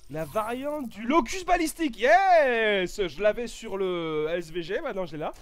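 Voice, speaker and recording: A man doing casual gameplay commentary, excitable, swearing and shouting in bursts, with a stuffy, itchy nose. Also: high-pitched, normal speed. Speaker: gaming YouTuber.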